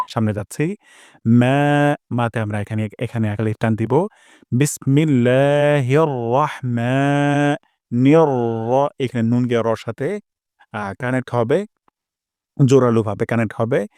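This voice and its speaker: A man teaching a pronunciation lesson for recitation, explaining calmly and stretching each sound out slowly as he demonstrates. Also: medium pitch, no room sound, studio quality. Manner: slow, drawn-out demonstrations of each sound, repeated.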